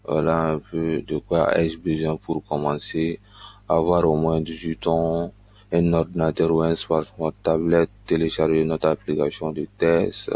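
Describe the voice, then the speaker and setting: A man talks viewers through websites in a casual tutorial voice-over, stopping often to fill gaps and restart his sentences. His voice sits very low. The sound is dry, with no room echo. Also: darkish tone. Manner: loose and halting, with frequent verbal fillers. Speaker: online business YouTuber. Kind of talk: casual screen-recording tutorial.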